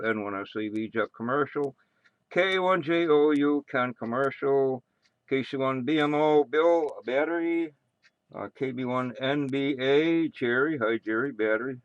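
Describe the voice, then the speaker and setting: A man's voice: mid-range voice, smooth, no room sound, highs cut off. A man with an American accent acting as amateur radio net controller, making casual announcements with rambling, muttered asides.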